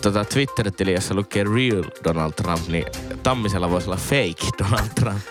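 A man's voice: low voice, music in the background. A man co-hosting a casual podcast, teasing and chatty. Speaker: podcast co-host.

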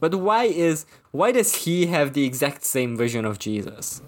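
A man's voice: on the high side, big pitch swings. A man co-hosting a podcast, chatting casually about a film with many fillers and restarts. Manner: halting, full of fillers and restarts. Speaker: podcast co-host. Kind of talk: casual movie review chat.

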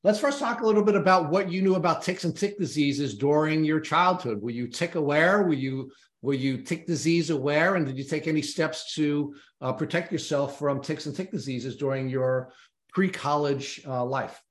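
Introducing a guest on the podcast he co-hosts, a Long Island, New York man speaks at normal speed in a voice on the high side. He comes across friendly and enthusiastic, with a few ums between phrases, and the room gives the audio an echo.

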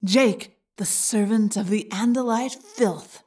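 A woman voicing a hushed sneering alien parasite. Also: medium pitch, very animated, very slow, husky, exaggerated voice.

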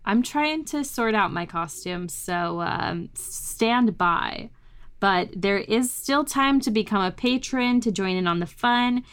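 A woman's voice: mid-range voice, lively intonation, takes it slowly, smooth. A woman co-hosting a ghost podcast in casual chat, bubbly and enthusiastic. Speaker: podcast co-host.

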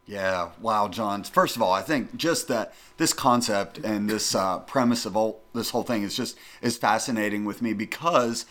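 A middle-aged man from the northern United States tells stories in casual conversation, animated and emphatic, repeating phrases for effect. His voice is fairly low, at a moderate pace with hardly any pauses.

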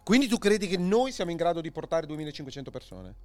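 Insistent man with lively pitch. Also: fast talker, no echo. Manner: insistent, repeats phrases. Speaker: live streamer. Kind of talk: casual livestream banter.

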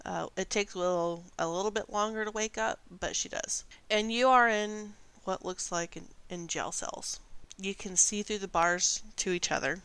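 A woman's voice: medium pitch, steady tone, normal speed, fairly bright tone, smooth. A woman game master narrating a tabletop role-playing game.

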